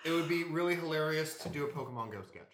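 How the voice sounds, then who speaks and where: A man's voice: on the high side, expressive, fast talker, echoey room, background noise. A man co-hosting a casual group podcast, talking with many restarts and fillers. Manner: hesitant, full of restarts. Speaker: podcast co-host.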